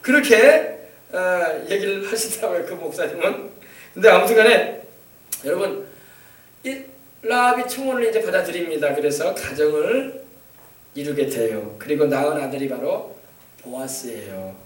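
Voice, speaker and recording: High-voiced pastor preaching in an echoey hall. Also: male voice, expressive, moderate pace, long pauses, distant mic. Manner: acts out quoted dialogue, exclaims hallelujah often. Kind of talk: sermon. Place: church sanctuary.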